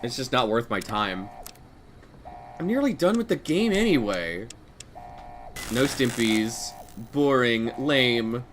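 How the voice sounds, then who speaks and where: A man casually chatting and swearing while playing a game with a friend, laid-back and quick to laugh. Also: medium pitch, big pitch swings, background noise. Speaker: gaming co-host. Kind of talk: casual gameplay chat.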